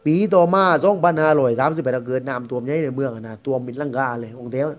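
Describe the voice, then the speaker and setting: A guest storyteller with a Southern Thai accent and a fast, mid-range voice tells a ghost story in a chatty, rambling, conversational way. The recording is dull and lo-fi.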